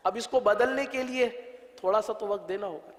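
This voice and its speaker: A man, teaching Quran pronunciation and leading call-and-repeat drills in a patient, step-by-step way. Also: high voice. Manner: patient, explains step by step and drills letter sounds. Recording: long hall reverb.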